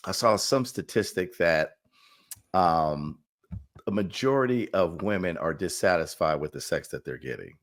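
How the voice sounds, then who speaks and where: A man, a doctor co-hosting a podcast, talking casually in a relaxed, rambling way with lots of fillers. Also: low voice, normal speed. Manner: relaxed, rambling with many fillers, laughs often. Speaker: doctor co-host.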